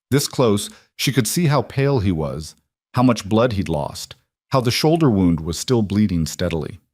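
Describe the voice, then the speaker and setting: A man giving scripted, measured narration of a dramatic story. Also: low-pitched, darkish tone, no echo.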